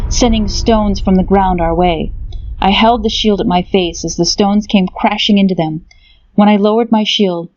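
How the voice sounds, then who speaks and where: A woman's voice: medium pitch, a little mellow, muffled recording. A woman narrating a fantasy audiobook in a scripted, dramatic storytelling style.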